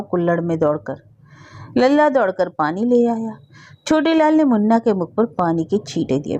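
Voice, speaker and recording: A woman reading a scripted story aloud in a steady storybook manner, speaking the characters' lines within the narration. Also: lowish voice, muffled recording.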